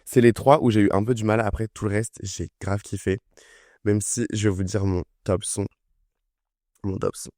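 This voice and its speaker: Chatty young man with a low voice. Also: level tone, moderate pace, a little mellow, no echo, studio quality. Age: young adult. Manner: enthusiastic, chatty, full of fillers. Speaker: music review vlogger. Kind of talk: casual chat.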